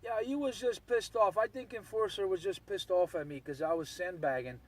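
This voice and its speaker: A man with a fairly high voice talks casually over CB radio. He sounds aggrieved and blunt, repeating his points for emphasis, and his voice sits away from the mic. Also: normal speed, a little hiss or hum. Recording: distant voice from the mic.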